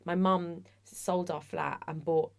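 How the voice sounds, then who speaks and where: Lively woman telling stories. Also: lowish voice, slow pace, creaky. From England. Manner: lively, animated storyteller who acts out quoted voices. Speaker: author and performance poet. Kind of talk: casual storytelling chat.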